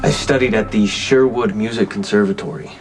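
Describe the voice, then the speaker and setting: A man playing a calm young fugitive. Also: fairly low pitch, fairly quick, close to an everyday voice. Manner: soothing, steady, gently teasing. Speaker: fugitive hiding under a false name. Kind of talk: daytime soap opera acting. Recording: soap scene with music bed.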